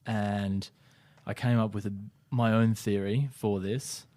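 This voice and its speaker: A man with a low, warm voice co-hosting a casual chat podcast. He talks things through at length without hurrying, laying out his own theories. The sound is dry and close to the mic. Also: fairly even intonation, slow, dry recording. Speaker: podcast co-host.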